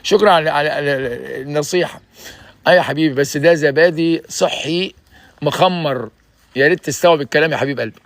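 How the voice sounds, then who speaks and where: Fast-talking Egyptian man in his sixties. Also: on the high side, no room sound. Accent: Egyptian Arabic. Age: 60s. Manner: energetic and preachy, urging listeners to focus. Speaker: livestream host giving health advice. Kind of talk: casual livestream chat.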